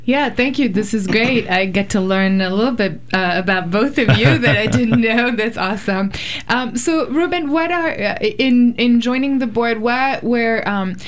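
A woman's voice: on the high side, expressive, moderate pace. A woman managing a radio station interviews a guest in a friendly way, laughing easily and asking long, rambling questions.

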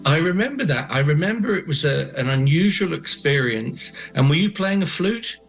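A British man in his forties, an oral storyteller talking reflectively and eloquently in an interview, in unhurried poetic phrases. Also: on the high side, lively intonation, creaky, faint music behind, rough recording. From Britain. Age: 40s.

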